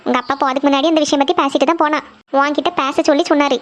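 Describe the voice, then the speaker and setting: A woman's voice: high-pitched, steady tone, racing, natural voice. Woman doing a stern scolding cartoon mother. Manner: scolding, lecturing. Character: stern middle-aged mother, strict and threatening.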